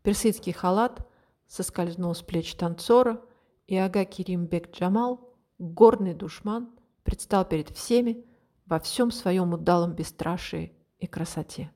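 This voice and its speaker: A woman narrating a first-person audiobook in an expressive, dramatic reading style. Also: on the low side, a little slow.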